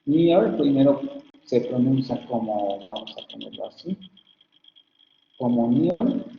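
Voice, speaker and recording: A man's voice: medium pitch, unhurried, gravelly, a little hiss or hum. A man from Mexico giving an online university lecture on phonetics, explaining patiently with many fillers and restarts. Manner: explanatory, frequent fillers and self-corrections. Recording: echoey, dull lo-fi online class audio.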